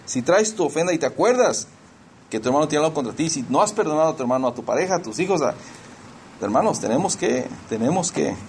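A man's voice: on the high side, expressive, fast talker, darkish tone, slight background noise. A middle-aged man preaching a sermon in a conversational way, slipping into English phrases and often restarting his sentences. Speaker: pastor.

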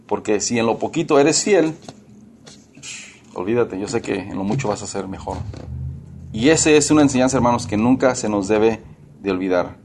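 Preacher, talky and repetitive. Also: male voice, on the low side, lively intonation, normal speed, long pauses, darkish tone, a little hiss or hum. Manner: conversational, repeats and restarts words. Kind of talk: casual sermon.

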